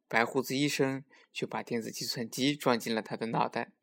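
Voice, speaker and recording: Expressive male storyteller. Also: medium pitch, a little fast, creaky. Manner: lively, expressive. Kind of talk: children's story narration.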